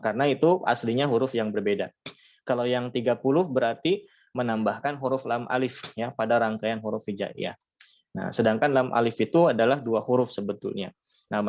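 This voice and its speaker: A man teaching a recitation lesson online, explaining patiently with many fillers and demonstrating letter sounds slowly. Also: medium pitch, darkish tone. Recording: slightly dull lo-fi audio.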